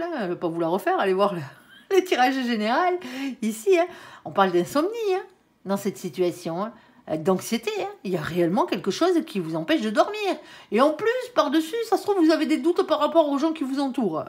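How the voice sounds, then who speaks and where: A woman giving a tarot reading to viewers, chatty and reassuring, with frequent "hein" tags and the odd stumble over her words. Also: mid-range voice. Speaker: tarot card reader.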